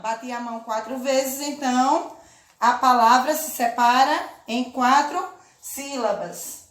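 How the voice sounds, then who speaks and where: Patient woman teacher, high voice, echoey room. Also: fairly bright tone. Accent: Brazilian Portuguese. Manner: slow, patient, drawn-out syllables with check-in questions. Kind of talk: children's lesson, clapping out syllables.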